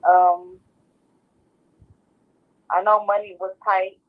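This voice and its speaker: A woman's voice: mid-range voice, little pitch movement, very slow. Muffled woman from Texas recalling her childhood. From Garland, Texas. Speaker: guest. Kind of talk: personal storytelling.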